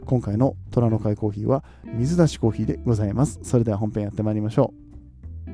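A man from Nagoya, Japan, hosting his podcast in a relaxed, chatty way, often chuckling and asking listeners questions. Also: fairly low pitch, fast, faint music behind. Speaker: podcast host. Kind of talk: casual solo chat.

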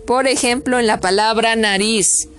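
A woman's voice: fairly high pitch, a bit bright, slight background noise. A woman giving a spoken pronunciation lesson, spelling out letters and repeating each example word several times. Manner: repeats words slowly, spells letters aloud. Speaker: English pronunciation teacher.

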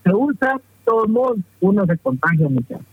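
A man's voice: high-pitched, very animated, normal speed, slightly rough. A man with a Guatemalan Spanish accent calling in to a radio show and telling stories in easygoing slang. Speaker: phone-in caller. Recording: tinny phone line.

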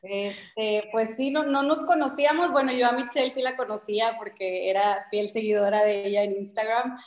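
A woman from Monterrey, Mexico, with a regio accent, a triathlete guest speaking modestly and haltingly over a video call, with many fillers. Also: a little high, steady tone, roomy sound.

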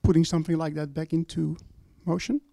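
A man's voice: a little high, little pitch movement, a little fast, vocal fry, dark tone. A man asking a question at a panel discussion, hesitant, with restarts and fillers.

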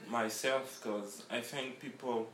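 A man who grew up in France, a guest in a casual interview, talking haltingly and searching for his words. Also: mid-range voice, fairly even intonation, a bit bright. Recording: roomy echo.

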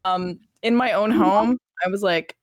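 A woman co-hosting a podcast, chatting casually in an animated, teasing way and giggling often. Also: medium pitch, a little slow, dry recording, clean studio sound. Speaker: podcast co-host. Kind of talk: casual chat.

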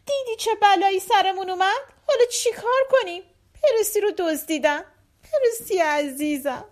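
A woman's voice: extremely high pitch, lively intonation, pitched above the performer's own voice. A woman voicing a poor, loving old grandmother in a storybook, wailing and pleading. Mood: distraught.

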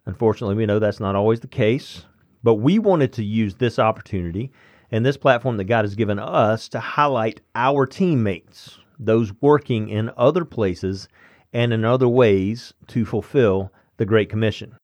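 A man with a fairly low voice hosts a faith podcast in an easygoing, earnest way. He speaks close to the mic in a dry, dead room, with the odd filler as he settles into conversation. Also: normal speed, no echo. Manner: earnest, relaxed and friendly, with fillers. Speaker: podcast host.

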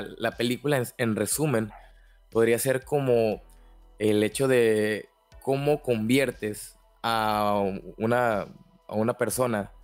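A man hosts a casual podcast discussion. He speaks haltingly and often stalls and restarts mid-phrase. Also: fairly low pitch. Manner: hesitant, halting with many restarts. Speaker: podcast host.

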